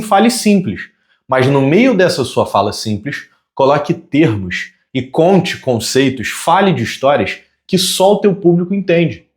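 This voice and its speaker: Fast-talking Brazilian man, higher voice. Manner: conversational, many rhetorical questions, stretches words slowly for emphasis; self-described fast talker. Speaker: communication consultant. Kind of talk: direct-to-camera teaching monologue.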